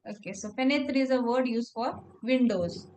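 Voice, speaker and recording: A woman's voice: a little high, moderate pace, a little mellow. A woman teaching French one-on-one, patiently spelling words out letter by letter and saying "okay" often. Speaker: French tutor. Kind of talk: one-on-one language lesson.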